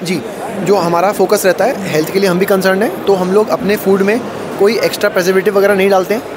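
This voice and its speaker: A man's voice: sits high, fairly even intonation, quick pace. A man in his thirties representing a food company, explaining products in a trade fair interview into a handheld mic. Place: busy indoor expo stall. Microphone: handheld mic held by interviewer. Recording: noisy expo hall.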